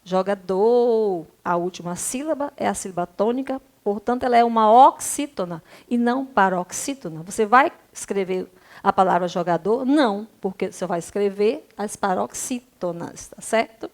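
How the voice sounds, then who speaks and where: A woman's voice: medium pitch, expressive, moderate pace. A woman teacher with a Brazilian Portuguese accent giving a recorded grammar lesson to young pupils. She works through exercises step by step, checking in with rhetorical questions again and again. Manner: patient, asks rhetorical check questions constantly. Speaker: primary school teacher.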